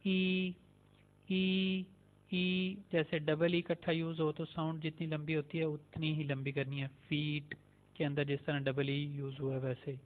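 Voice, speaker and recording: A man teaching a beginner language lesson, saying each letter slowly and repeating it several times. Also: fairly high pitch, little pitch movement. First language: Urdu. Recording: tinny phone-like sound.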